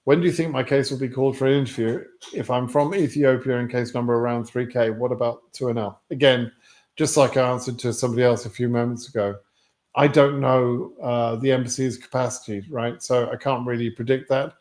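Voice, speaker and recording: The host, a British man, runs a livestream Q&A about immigration lottery matters, reading out what viewers ask and responding bluntly and matter-of-factly. He talks briskly in a steady, darkish, mid-range voice.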